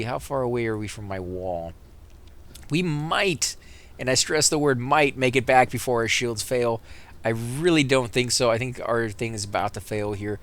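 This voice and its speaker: A man giving casual, rambling let's play commentary, correcting himself as he goes and getting excited in fights. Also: mid-range voice. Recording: game music loud behind voice. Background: game music and vehicle sounds.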